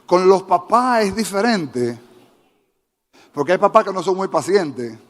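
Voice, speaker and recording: A man's voice: high-pitched, expressive, measured pace. A male pastor preaching a sermon, fervent and often questioning the congregation directly. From Dominican Republic. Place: church sanctuary. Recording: church hall with long reverb.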